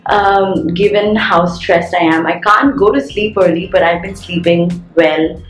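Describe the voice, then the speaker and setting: A woman's voice: fairly low pitch, steady tone, a little slow, soft background music. A young woman vlogging casually from her bedroom, groggy from just waking up and rambling with fillers. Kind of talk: casual chat. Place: bedroom at home.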